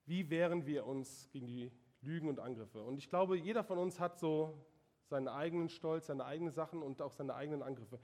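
A man's voice: on the high side, fairly quick, a little mellow. A man preaching a sermon, emphatic and asking the congregation direct questions.

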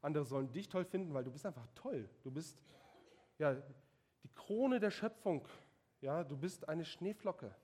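A man's voice: on the high side, expressive, moderate pace, darkish tone, breathy edge. A man voicing a male devil who taunts and belittles the listener in a sermon. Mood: tempting.

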